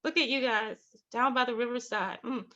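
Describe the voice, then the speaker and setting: A woman's voice: fairly high pitch, moderate pace, pushed and bright, lo-fi sound. A woman leading an online writing workshop, encouraging, repeating phrases and laughing often. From Alabama, US South. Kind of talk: guided online workshop teaching. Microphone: video call.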